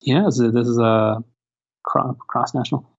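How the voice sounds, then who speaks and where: A man co-hosting a casual podcast in a hesitant, halting way, repeating words, over a low-quality internet call. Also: steady tone, creaky, slightly rough, muffled recording. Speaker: podcast co-host. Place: hotel room, remote call.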